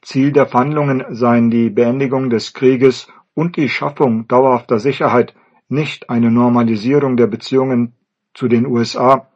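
A man presenting the news in a formal, measured scripted reading, heard as a shortwave radio broadcast. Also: mid-range voice, steady tone, darkish tone, breathy edge. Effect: shortwave radio broadcast sound. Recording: dull lo-fi radio transmission.

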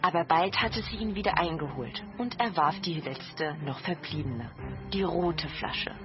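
A woman narrating a fairy tale in a calm, measured storytelling voice. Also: sits low. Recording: dull lo-fi with faint music.

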